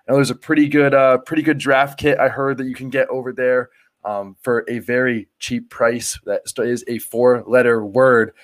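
A man's voice: mid-range voice, flat delivery, normal speed. A man hosting a casual podcast interview, talking in a loose, rambling way with lots of fillers. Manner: loose and rambling, full of "like" and "you know" fillers. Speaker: podcast host.

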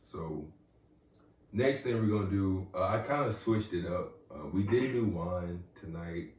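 A man's voice: sits low, a little slow, a little mellow. A man hosting a podcast in casual chat, loose, slangy and joking with his guest. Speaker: podcast host. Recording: roomy, distant mic, faint ambience.

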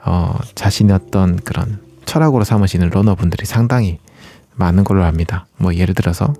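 This man's mellow voice sits low and moves a little fast as he hosts a running talk. Casual yet polite, he explains matters to his audience and questions them along the way.

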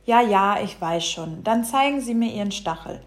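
A woman voicing a playful, excitable young male dog in a children's storybook. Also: mid-range voice, normal speed, natural voice. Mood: eager. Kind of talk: storybook reading.

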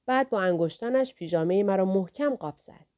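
Audiobook reader: woman, steady first-person narration. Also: medium pitch, muffled recording.

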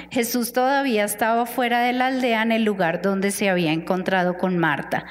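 Slow, earnest woman preaching in a hall. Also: a little high. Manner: earnest, slow and emphatic, addressing listeners directly. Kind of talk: sermon.

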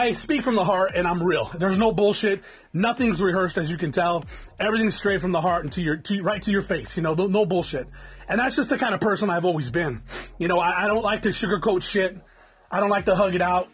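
A man's voice: high voice, a little fast, husky, faint music behind. A man in his forties from Southern California, hosting his own podcast in an unscripted, rambling talk with a stuffy nose, repeating words and cussing freely. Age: 40s. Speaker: podcast host. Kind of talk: casual unscripted podcast monologue. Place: home in the desert.

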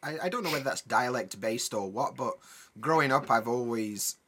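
A man from northern England with a Yorkshire accent and a bright, forward voice. He swallows his t sounds into glottal stops and talks casually, as a teacher hosting a podcast. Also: mid-range voice, normal speed, slight background noise. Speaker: English teacher, podcast host. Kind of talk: casual educational chat.

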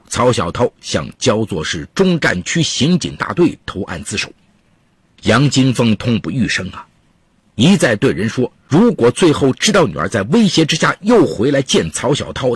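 Husky male true crime narrator, dramatically animated. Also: mid-range voice, no room sound. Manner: emphatic, dramatic storytelling.

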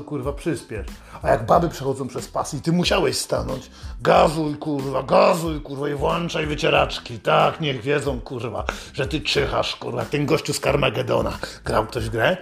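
A man's voice: a little high, creaky. A man delivering a satirical comedic rant in a swaggering, foul-mouthed manner.

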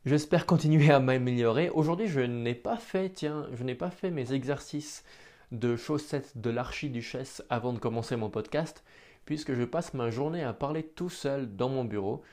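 A man's voice: mid-range voice, moderate pace, darkish tone. A tired man, talking alone in his home office for a daily diary podcast and stammering and restarting words now and then. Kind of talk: casual spoken diary podcast.

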